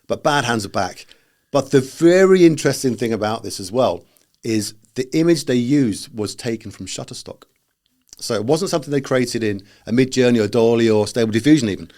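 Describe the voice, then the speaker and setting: A man's voice: medium pitch, expressive, fairly quick, darkish tone. A man from Britain co-hosting a tech podcast, chatting casually and rambling through fillers and restarts. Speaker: podcast co-host. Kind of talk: casual chat.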